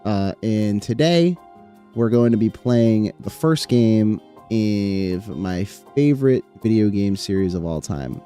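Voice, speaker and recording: A man's voice: on the low side, mellow. Rambling young man streaming, faint music behind. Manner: rambling, filler-heavy, swears casually. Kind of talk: casual live-stream chat.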